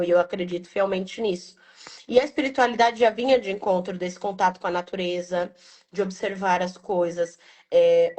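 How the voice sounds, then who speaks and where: A young adult woman, a business owner, talking in a casual, reflective and emotional way, tagging her phrases with quick questions. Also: medium pitch, darkish tone. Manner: reflective, emotional, frequent "né" tags. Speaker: business owner interviewed about her brand. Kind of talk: casual heartfelt testimonial.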